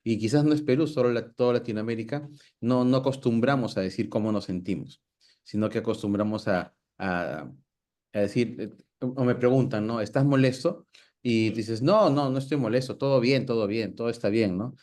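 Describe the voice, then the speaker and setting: This Peruvian man hosts a casual conversation, reflecting thoughtfully, asking for the guest's view, and using lots of fillers. His mid-range voice is a little mellow and moves at a normal speed.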